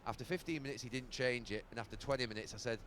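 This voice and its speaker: A middle-aged man giving broadcast football analysis, measured and halting, with fillers as he searches for words. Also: mid-range voice, fairly even intonation, fairly bright tone, a little hiss or hum. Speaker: football pundit.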